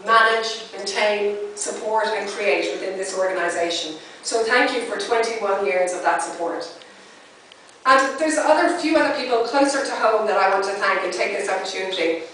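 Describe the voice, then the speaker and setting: A woman's voice: mid-range voice, normal speed, fairly bright tone. A woman giving a chatty, self-deprecating thank-you speech to an audience, laughing often. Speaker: arts centre director giving a speech. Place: large echoey room, in front of an audience. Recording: very echoey, distant, faint room noise.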